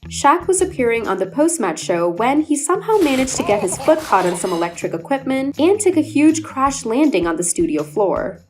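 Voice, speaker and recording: A woman delivers scripted compilation narration in a fairly high voice. Her intonation is very lively and varied, with faint music underneath. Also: moderate pace, hardly any pauses. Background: background music.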